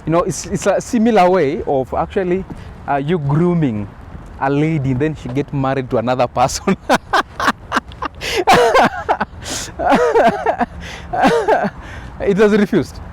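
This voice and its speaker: A man's voice: a little high, normal speed, darkish tone. A man hosting a casual walking tour vlog, speaking hesitantly and often repeating himself. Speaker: vlog host. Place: outdoors at a city bus terminal. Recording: outdoor city traffic noise. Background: faint traffic and street ambience.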